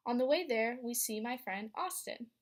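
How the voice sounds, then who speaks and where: In a voice on the high side, a young woman training as a teacher reads a picture book to a class at a moderate pace. She brings expression to the story and puts questions to the kids.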